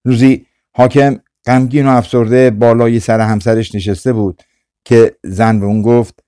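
A man reading a folktale aloud for an audiobook in a calm, measured storytelling manner. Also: medium pitch, smooth, dry recording, studio quality. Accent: Persian. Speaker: audiobook narrator. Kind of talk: scripted storytelling narration.

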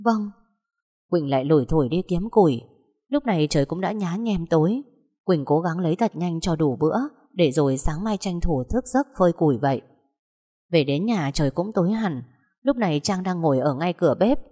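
A woman narrating a story in a calm, steady way, with a long echoing reverb. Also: lowish voice, brisk, breathy edge.

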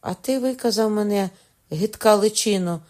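A woman's voice: medium pitch, moderate pace, darkish tone, pitched above the performer's own voice, lightly acted. A woman reading aloud and voicing a defiant young male nobleman under torture, who mocks his questioners and yelps in pain. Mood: defiant mocking. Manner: mocking, then howling in pain.

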